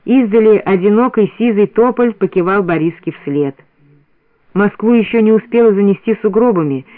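A man narrating a story as a scripted radio reading in a steady storytelling manner. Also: high voice, no echo. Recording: dry, narrow radio sound.

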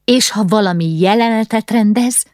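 A woman's voice: mid-range voice, a little mellow, no room sound, clean studio sound, pitched above the performer's own voice, lightly acted. A woman voicing a haughty, fussy aristocratic mother who is condescending and easily alarmed, in an audiobook reading.

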